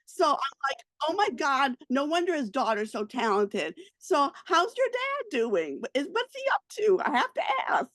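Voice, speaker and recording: Gushing, high-voiced woman interviewer. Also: normal speed, few pauses, no room sound. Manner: gushing, excitable. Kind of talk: casual interview chat.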